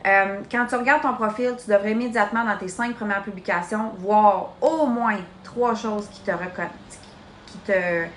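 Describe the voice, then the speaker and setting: A woman's voice: medium pitch, steady tone, moderate pace, fairly bright tone, reverberant, slight background noise. A woman in her late twenties with a Québécois French accent, coaching her sales team in a chatty, direct live training. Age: late 20s. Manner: chatty, direct, addresses listener as "tu". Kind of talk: live social media training.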